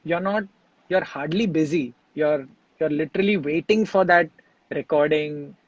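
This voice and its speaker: A man talks over his singing practice in a relaxed interview. He speaks in a reflective, halting way, restarting his sentences. The sound is dry and a little dull. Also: fairly high pitch, no echo. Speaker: singer and composer, interview guest.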